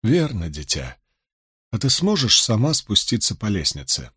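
A man voicing an older male gleeman, low and soft-spoken, gruff but gentle and rueful, with a husky voice. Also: huge pitch swings, normal speed, no echo, clean studio sound, full character voice. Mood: tender.

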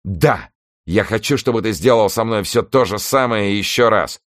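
A man's voice: lowish voice, normal speed, dry recording, clean studio sound, voice pushed up, natural voice. A man voicing a clingy, insistent woman in an audiobook reading, pleading and pushing her wishes.

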